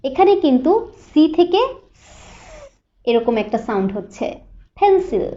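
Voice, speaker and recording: A woman's voice: high voice, sing-song, moderate pace, highs cut off. A woman teaching English pronunciation, spelling out words letter by letter and repeating each word several times. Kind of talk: slow spoken phonics lesson.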